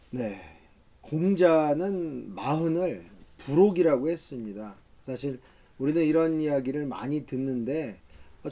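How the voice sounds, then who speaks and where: Man in his fifties, professor, slow deliberate lecture, mellow tone, thoughtful pauses. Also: on the high side. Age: 50s. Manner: measured, reflective, with frequent hesitations. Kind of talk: talk-style book review lecture.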